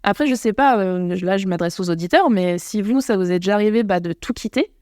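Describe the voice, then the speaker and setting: A woman's voice: medium pitch, lively intonation, a little fast, darkish tone, no room sound, studio quality. A young woman from France hosting a podcast, thinking aloud and asking her guest questions in casual chat. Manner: thoughtful, musing, asks questions. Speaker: podcast host.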